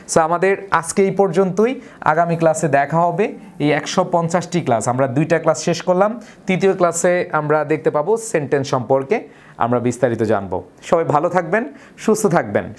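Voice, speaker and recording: A woman's voice: low-pitched, a little mellow. A woman from Bangladesh teaching an English lesson, asking the class questions and answering them herself, with English terms mixed into her explanation. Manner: asks the class questions and answers them herself, drawing out example words slowly; mixes English words into Bengali explanation. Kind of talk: recorded online lesson.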